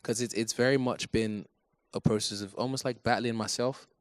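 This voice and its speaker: A young man in his twenties with a monotone voice, talking reflectively as a musician guest in a casual interview, with frequent fillers and restarts. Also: mid-range voice, moderate pace, no room sound.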